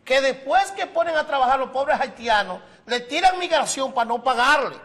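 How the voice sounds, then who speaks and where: A man's voice: extremely high pitch, expressive, normal speed, fairly bright tone. A man with a Dominican accent hosting a talk show, pushing a heated panel debate and cutting in on his guests. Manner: provocative, interrupting.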